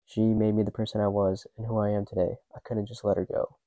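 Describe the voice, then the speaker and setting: Low, flat, subdued man narrating. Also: fast talker, no echo, highs cut off. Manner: subdued, grieving, restrained. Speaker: podcast co-host narrator. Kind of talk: scripted personal narration.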